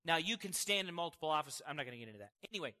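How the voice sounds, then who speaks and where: Man, high bright voice, casual animated sermon delivery with asides to the room. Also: racing. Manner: conversational and animated, asking the audience questions, laughing. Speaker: preacher.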